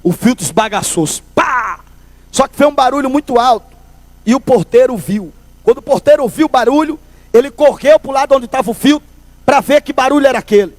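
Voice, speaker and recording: A man giving a preached personal testimony to a church congregation, telling his story with lively storytelling and calling the listeners "brother". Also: very high-pitched, fairly quick, no room sound.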